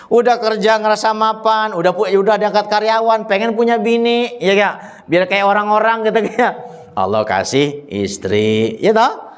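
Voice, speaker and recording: A man giving a casual religious study sermon, chatty and joking, teasing listeners by name and reciting Arabic verses slowly. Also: high-pitched. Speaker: preacher.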